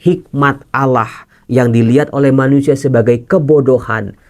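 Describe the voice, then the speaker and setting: A man's voice: mid-range voice, steady tone, moderate pace, a little mellow. A man, a priest teaching scripture in a sermon, earnest and direct, slipping casual asides into formal teaching. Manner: earnest, addresses listeners as brothers and sisters.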